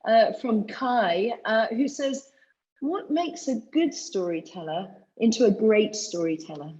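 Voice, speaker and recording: A woman raised in Britain hosts an interview and asks curious questions, now and then stumbling over her words. Her voice sits a little high. The audio sounds dull and lo-fi. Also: expressive, unhurried, a little mellow. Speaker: webinar host. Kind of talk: interview hosting.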